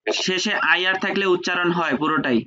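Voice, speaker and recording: A man teaching French pronunciation in an online lesson, patiently repeating each sound slowly. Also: high-pitched, bright, forceful tone. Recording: dull lo-fi call audio.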